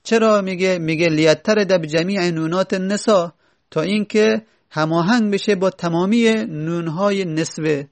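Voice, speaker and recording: A man explains grammar rules in a lesson, step by step and with lots of repetition. His voice sits a little high and carries a gravelly rasp. He slows right down to spell out example words. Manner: methodical, repeats example words slowly. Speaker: teacher.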